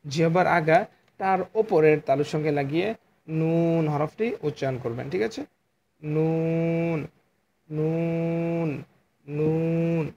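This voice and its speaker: A male Quran teacher with a fairly high voice gives a patient lesson on letter sounds, drawing each one out and repeating it. He speaks into a phone, and a faint hiss sits under his voice. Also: gravelly, a little mellow, highs cut off. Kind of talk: online lesson on letter articulation.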